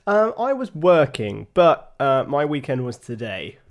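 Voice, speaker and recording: A young man co-hosts a podcast and tells small everyday stories with dry, understated humour. His voice has a middle pitch, and he speaks in relaxed, unscripted chat. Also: a little slow. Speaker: podcast co-host. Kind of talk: casual chat.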